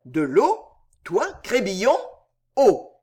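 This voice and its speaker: A woman's voice: medium pitch, huge pitch swings, slow pace, dark tone. A reader voicing a fat old drunkard man who whines, stammers and pleads tearfully. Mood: tearful pleading.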